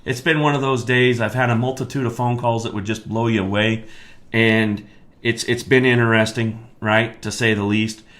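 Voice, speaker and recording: An American man hosts a live stream as a county commissioner, his mid-pitched voice turning emphatic and heated, then slowing into a halting delivery full of fillers and restarts. He sounds like a local official talking straight to his viewers. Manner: worked-up, emphatic, rising to near-shouting; many fillers and restarts when calmer. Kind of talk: live-streamed political talk.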